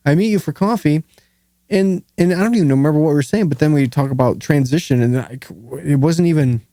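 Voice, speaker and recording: A man hosting a casual podcast, chatting in an excitable, opinionated, rambling way with plenty of swearing. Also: fairly high pitch, fairly quick, no room sound, clean studio sound. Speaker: podcast host. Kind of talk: casual, profane podcast chat.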